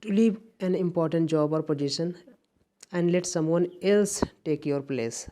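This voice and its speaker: A man's voice: fairly high pitch, warm tone. A man with an Indian accent teaching an exam-prep English lesson, explaining patiently and repeating key phrases. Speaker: English teacher for competitive exams.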